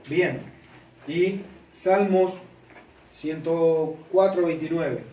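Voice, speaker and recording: Preacher in an echoey room. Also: male voice, on the high side, very slow, warm tone, slight background noise. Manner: asks the congregation for constant confirmation. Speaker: pastor. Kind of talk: sermon. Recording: echoey room, mic at a distance.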